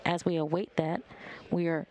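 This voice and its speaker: A man giving live mission control commentary on a spaceflight, explaining in a measured announcing manner. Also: on the high side, level tone, darkish tone.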